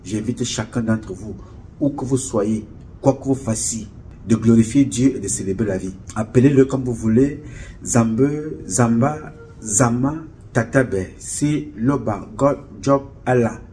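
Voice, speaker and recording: Man, measured spokesman delivery, mid-pitched voice, faint hiss behind. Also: dark tone. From Cameroon. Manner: solemn, measured, rhetorical, repeats and lists words. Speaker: association spokesman addressing followers. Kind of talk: direct-to-camera address. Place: indoor studio with camera crew.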